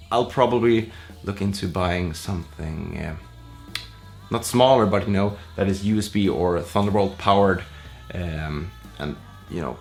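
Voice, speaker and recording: A man, a musician, answering viewer questions in a relaxed, rambling way full of fillers. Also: deep voice. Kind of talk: casual Q&A vlog.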